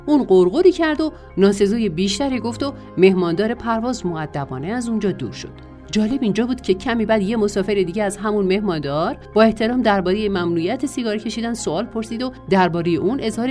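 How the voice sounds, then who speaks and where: A woman narrating a self-help audiobook in a measured reading voice, drawing out lists of words. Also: mid-range voice, expressive, mellow, soft background music.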